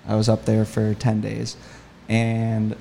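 Gravelly low-voiced man telling a story. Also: takes it slowly, a little hiss or hum. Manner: enthusiastic, animated retelling. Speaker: podcast guest, hunting guide. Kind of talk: casual storytelling.

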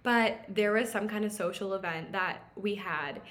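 Woman, young adult, rambling storyteller, bright voice, casual podcast chat. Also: mid-range voice, normal speed. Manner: rambling, filler-heavy, laughs while telling stories. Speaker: podcast co-host.

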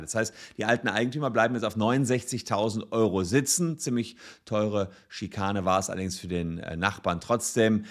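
A man's voice: low voice, a bit bright. A man hosting a vlog, explaining a court ruling casually, step by step with fillers and restarts. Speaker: legal explainer, channel host.

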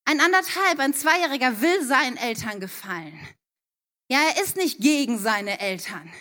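A woman's voice: sits high, expressive, moderate pace, pushed and bright. A middle-aged woman giving an earnest church talk on parenting, speaking straight to parents in a direct, heartfelt way.

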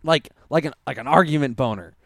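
A man's voice: medium pitch, fairly quick, vocal fry, a bit bright, dry recording, studio quality. A man co-hosting a podcast, teasing his friend in crude casual chat, swearing and laughing often. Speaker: podcast co-host.

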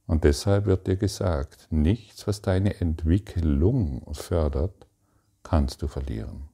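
Deep, slow-spoken man giving spiritual teaching. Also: breathy edge. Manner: addresses listener directly with probing questions; calm, halting phrasing with long pauses. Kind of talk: meditative spiritual talk.

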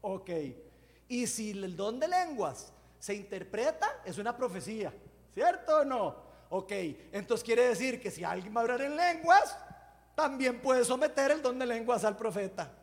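Predicador de voz muy aguda, expresivo y bromista, sala con mucha reverberación. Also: male voice, very high-pitched, a little slow. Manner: animated, jokey, conversational preaching. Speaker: preacher. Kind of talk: sermon.

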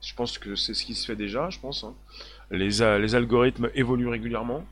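A man's voice: medium pitch, fairly even intonation, fairly quick, a bit bright. A man hosting a live stream, talking emphatically and repeating himself, with many fillers as he reads out viewer comments. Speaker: livestream host.

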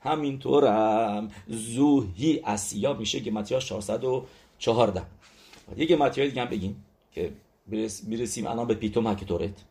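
A man's voice: lowish voice, darkish tone. A man giving a religious lesson, speaking emphatically, repeating key words and checking in with his listeners. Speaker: religious teacher. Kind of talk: religious lesson on letter numerology.

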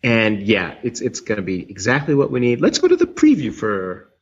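A man's voice: mid-range voice, wildly swooping pitch, normal speed, husky, highs cut off. A man co-hosting a casual chat, often repeating his phrases for emphasis. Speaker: podcast co-host. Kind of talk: casual pop culture chat.

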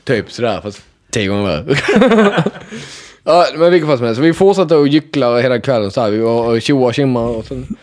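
A young man casually telling a chaotic story to friends, animated, laughing often and swearing freely. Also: mid-range voice.

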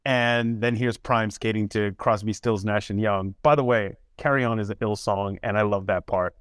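A man in his forties co-hosting a casual podcast, animated and slangy, laughing easily. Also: lowish voice, moderate pace, clear, resonant tone, no echo, studio quality. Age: 40s. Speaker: podcast co-host.

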